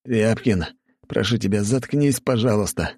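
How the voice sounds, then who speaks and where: A man's voice: mid-range voice, moderate pace, vocal fry, a little mellow, no echo, studio quality, voice pushed up, lightly acted. A man voicing an exhausted, irritable guardsman who sounds strained, pleading and snappish. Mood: weary.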